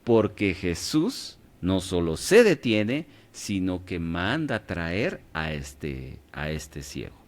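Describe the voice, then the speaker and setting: A man with a low voice leads a radio Bible class, his pitch swinging up and down as he quizzes his listeners. he keeps stopping to check that they are following before moving on. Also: sing-song, slow, hardly any pauses. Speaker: Bible study teacher.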